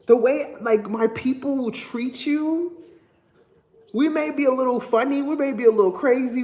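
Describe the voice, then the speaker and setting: With slight background noise behind her, a young woman from Liberia chats to viewers on a livestream in a slightly high voice and a Liberian accent. The vlogger's storytelling is lively and emphatic.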